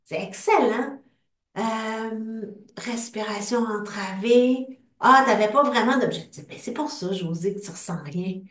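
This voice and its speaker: Brief: Québécois woman guiding a group tapping session over a video call, unhurried, distant mic in a roomy space. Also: a little high. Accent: Québécois French. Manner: slow, calm phrases spoken for repetition.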